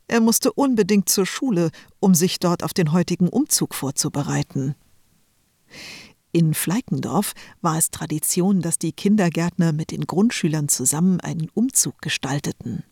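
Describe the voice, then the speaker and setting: A woman narrating a children's Christmas story as an audiobook, in calm, even storytelling. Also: fairly low pitch, breathy edge, no room sound, studio quality.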